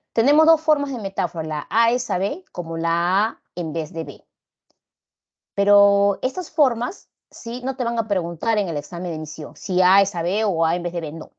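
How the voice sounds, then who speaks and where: A woman's voice: medium pitch, a little mellow. Peruvian woman teacher explaining a lesson. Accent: Peruvian Spanish. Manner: explanatory, frequent tag questions. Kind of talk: recorded class lecture. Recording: dull lo-fi class recording.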